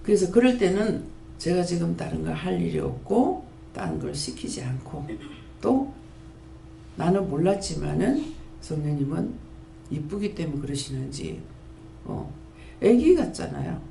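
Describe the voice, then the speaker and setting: This prayer house pastor, a woman in her fifties with a Gyeongsang Korean accent, tells her sermon testimony earnestly in a gravelly voice, a little slow and with long pauses, though her pitch still swings lively as she narrates. An echoey room adds faint ambience, with slight background noise.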